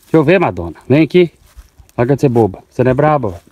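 A man's voice: medium pitch, lively intonation, rapid-fire, a little mellow, husky, no room sound. A man from Goiás with a Goiás Portuguese accent, vlogging casually on his farm and talking affectionately to his cows. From Goiás, Brazil. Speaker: farmer vlogger. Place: outdoors on a cattle farm.

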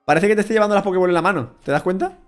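A young man with a Spanish accent commenting on a game with a friend, joking, swearing and shouting at surprises. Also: high-pitched, racing. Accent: Spanish from Spain. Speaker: gaming YouTuber. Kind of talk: casual Let's Play commentary with a co-player. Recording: game music behind.

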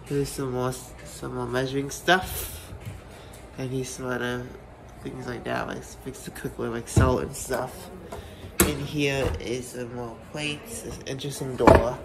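A man with a medium-pitched voice walks through the kitchen and living room of a rental house, filming on a handheld phone. His narration is casual and halting, rambling with many fillers and restarts, and the phone picks up loud handling noise and clicks.

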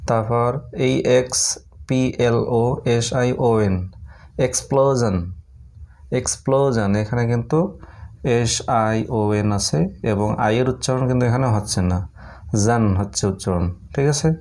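A man's voice: mid-range voice, steady tone, unhurried, darkish tone. A man teaching English pronunciation, spelling words letter by letter and often checking that students follow. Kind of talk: spoken lesson to students.

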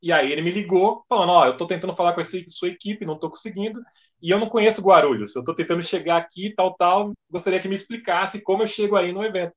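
A man, a podcast guest and event organizer, telling stories in lively fashion and acting out dialogue. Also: sits high, fast talker. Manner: animated storyteller acting out dialogue. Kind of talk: casual podcast storytelling. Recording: dull lo-fi podcast audio.

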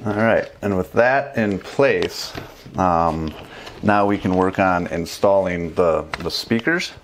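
Sitting at his desk in a small bookshelf-lined room at home, a man in his thirties who makes motorcycle travel vlogs walks through a gear install. He speaks low and slowly, with slight background noise, and his talk is casual and chatty, marked by fillers and restarts.

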